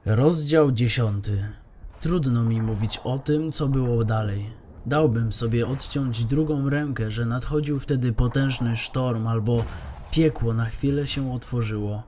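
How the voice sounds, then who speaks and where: A man narrating a dramatized post-apocalyptic audiobook with steady storytelling. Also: medium pitch, unhurried, a little hiss or hum.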